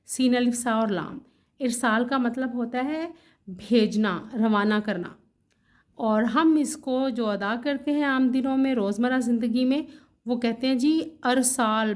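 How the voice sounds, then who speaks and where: A woman teaching correct word pronunciation in a vlog lesson, spelling out each word slowly and carefully, correcting herself with casual asides. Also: fairly high pitch. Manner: slow, careful spelling out of words letter by letter. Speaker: Urdu language teacher.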